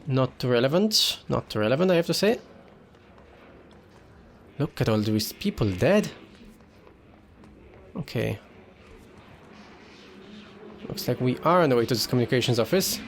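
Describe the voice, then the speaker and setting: A man's voice: medium pitch, very animated, normal speed, pauses often, slight background noise. A man giving casual gameplay commentary as a let's player, talking himself through the game and reading in-game text aloud.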